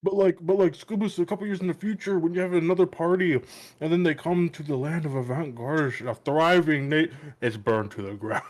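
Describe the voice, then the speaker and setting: A man's voice: fairly high pitch, fairly quick. A man chatting casually with friends during an online tabletop game, rambling and hesitating as he explains things.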